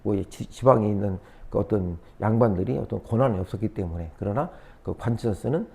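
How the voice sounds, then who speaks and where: A man's voice: on the low side, brisk, creaky. A man teaching a history exam review, repeating key terms and talking through the answers with fillers. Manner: repetitive, lively, thinking aloud with fillers.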